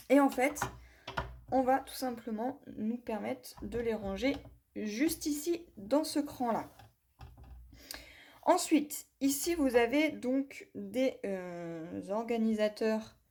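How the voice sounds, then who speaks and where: A woman demonstrates a craft tool hands-on in a review, chatting as she walks viewers through each step with plenty of "voilà" and "hop," and she apologizes for her English pronunciation. Her voice is on the high side and a little mellow, with a little hiss or hum in the recording.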